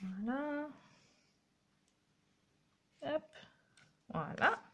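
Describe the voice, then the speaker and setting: Slow, chatty woman demonstrating crafts. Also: sits high, expressive, fairly bright tone. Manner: chatty, encouraging, talks while working. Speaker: craft tutorial host. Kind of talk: casual step-by-step craft demonstration.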